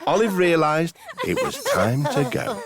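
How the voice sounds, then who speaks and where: A woman narrating a children's cartoon in a scripted, expressive storytelling style. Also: low-pitched, unhurried.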